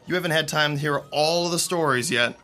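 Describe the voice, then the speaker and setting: In an audio drama, a man plays Rick, a chatty, friendly young theatre techie telling anecdotes in an amused storytelling mood. His voice sits on the high side, brisk, bright and forceful, with faint music behind him.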